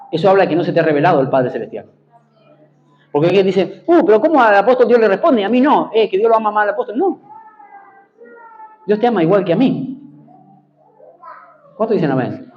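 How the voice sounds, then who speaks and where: A man's voice: sits high, a little mellow, highs cut off, slight background noise. A man with an Argentine accent preaching a sermon as pastor, emphatic, repeating key phrases and calling for amens. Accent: Argentine Spanish.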